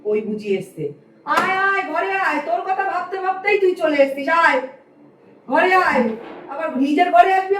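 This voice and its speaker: A woman playing a shrill scolding mother-in-law. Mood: fretting. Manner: calls out loudly, scolding. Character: fussy older mother-in-law, loud and scolding. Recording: echoey room, far from mic, faint hiss.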